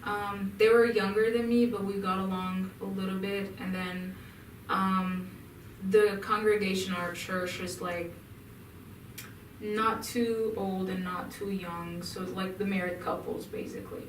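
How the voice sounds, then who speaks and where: As an interview guest, this young woman from Egypt speaks at a medium pitch with fairly even intonation, pausing and restarting often. The echoey room, distant mic and a little hiss or hum color the recording.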